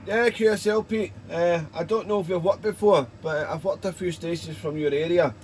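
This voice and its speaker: A man's voice: high-pitched, steady tone, normal speed, darkish tone, slight background noise. A British man chatting casually as a radio operator, rambling along in friendly jargon-filled exchanges.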